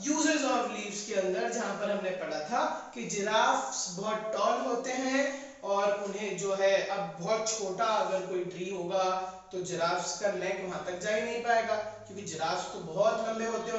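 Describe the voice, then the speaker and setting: A woman's voice: mid-range voice, normal speed. A woman teacher with an Indian English accent, giving an online lesson to young children, spelling words out letter by letter and repeating them. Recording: echoey, distant, dull sound.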